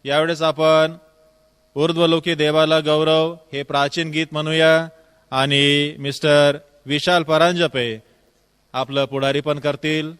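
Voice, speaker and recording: A man leading a church service, reading set prayers in a steady reciting manner. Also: fairly high pitch, unhurried, smooth. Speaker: worship service leader. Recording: long church reverb with faint music.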